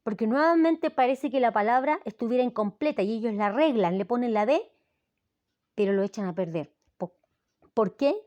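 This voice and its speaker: A woman's voice: on the high side, darkish tone, dry recording. A middle-aged Chilean woman explaining a language lesson, checking in often with her students. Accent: Chilean Spanish. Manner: explanatory, with frequent "¿ya?" check-ins. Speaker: language teacher. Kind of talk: recorded lesson.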